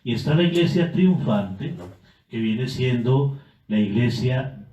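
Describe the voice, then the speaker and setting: Mellow-voiced priest in an echoey room. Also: male voice, medium pitch, lively intonation. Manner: measured, with frequent filler tags and restarts. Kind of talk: catechetical explanation. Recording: echoey, dull-sounding room.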